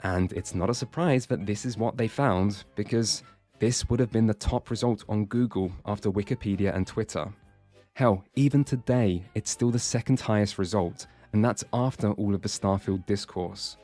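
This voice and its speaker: A man's voice: lowish voice, normal speed, mellow, soft background music. A man reading scripted video essay narration in a dry, sardonic way.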